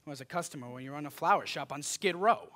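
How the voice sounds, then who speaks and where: Teen actor doing a grumpy shopkeeper, high, bright, swoopy gruff complaints, stage recording. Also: male voice, expressive, quick pace, slight background noise. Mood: muttering. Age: teens. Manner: gruff, complaining, shouts at staff. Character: grumpy middle-aged male flower shop owner. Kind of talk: school stage musical acting.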